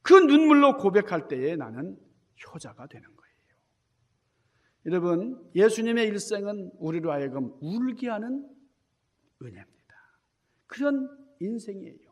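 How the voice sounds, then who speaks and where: A male pastor delivers a dramatic sermon in a church sanctuary, pressing the congregation with rhetorical questions. His voice sits high and leaps about with lively swings. A long hall reverb hangs on every line. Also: normal speed.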